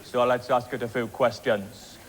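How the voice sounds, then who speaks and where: A Welsh man doing a deliberately inept ventriloquist comedy act, with mock-earnest patter. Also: medium pitch, steady tone. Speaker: comic ventriloquist. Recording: echoey hall with background noise.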